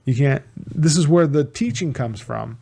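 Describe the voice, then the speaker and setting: A man's voice: a little high, lively intonation, unhurried, creaky, dark tone, husky. Earnest man giving Bible teaching. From United States. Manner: earnest, repeats key words, restarts phrases.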